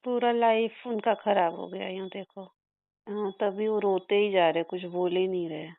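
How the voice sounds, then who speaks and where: A woman's voice: medium pitch, steady tone, unhurried, gravelly, no echo. Chatty woman on a tinny dry line. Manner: laughs often, chatty and playful. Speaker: psychic reader. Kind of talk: relaying messages in a reading.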